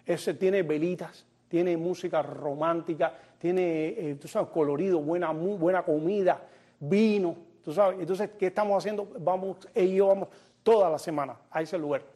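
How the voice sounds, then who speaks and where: A man's voice: high voice, moderate pace, dark tone. A man hosting a show and doing a stand-up monologue, joking and talking straight to the audience. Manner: joking, addresses audience directly. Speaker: comedian host.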